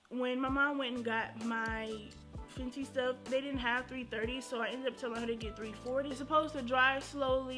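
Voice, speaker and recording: A young woman speaking with a slight lisp from wearing a retainer, chatting casually in a sassy, playful, slangy way as a beauty vlogger reviewing makeup. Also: fairly high pitch. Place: indoors at home. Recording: music playing behind the voice.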